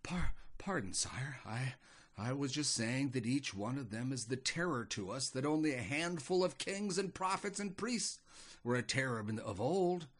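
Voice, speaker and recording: A man's voice: mid-range voice, lively intonation, normal speed, fairly bright tone. A man voicing a furious male demon who rants about believers, his voice growing to a roar. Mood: indignant. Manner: roaring, rising intensity.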